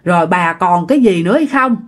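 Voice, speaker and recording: A woman's voice: fairly low pitch, expressive, fairly quick, close to an everyday voice. A woman voicing a polite, deferential young man in a ghost story.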